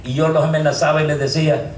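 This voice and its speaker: A man's voice: fairly high pitch, little pitch movement, fast. A man from El Salvador giving an earnest, emotional testimony in church, often calling his listeners brothers. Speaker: testimony speaker. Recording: roomy echo, distant mic, faint noise.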